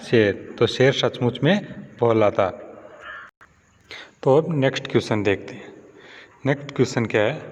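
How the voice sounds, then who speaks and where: A man teaching a children's lesson in in, patiently repeating questions and calling his pupils "beta". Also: mid-range voice. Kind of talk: classroom lesson explaining answers. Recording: dull lo-fi audio with long reverb and faint hiss.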